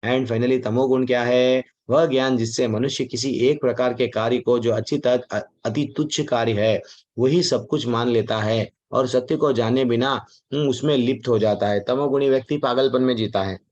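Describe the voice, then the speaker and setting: A man's voice: mid-range voice, steady tone, normal speed, a little mellow. A man teaching a devotional class on the Gita in a chatty way, mixing in English words and acting out the voices he quotes. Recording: dull lo-fi recording.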